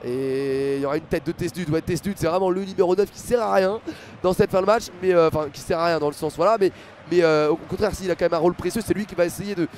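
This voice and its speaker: A young man with a French accent doing live football commentary for a stream, excitable, with many fillers, talking to his chat viewers. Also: high-pitched, quick pace, a little hiss or hum.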